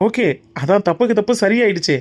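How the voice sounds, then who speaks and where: A man's voice: high voice, a little fast, slight background noise, close to an everyday voice. A man voicing an easygoing young man who jokes and reassures in a family cartoon. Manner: breezy, joking. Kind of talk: cartoon dub acting.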